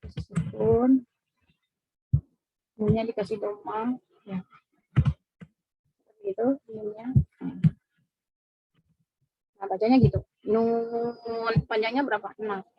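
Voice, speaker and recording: Patient woman teaching, husky voice. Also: medium pitch, steady tone, unhurried, long pauses, no room sound, muffled recording. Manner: patient, repeats points with frequent "ya" checks. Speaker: Quran recitation teacher. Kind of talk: classroom tajwid lesson. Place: mosque classroom.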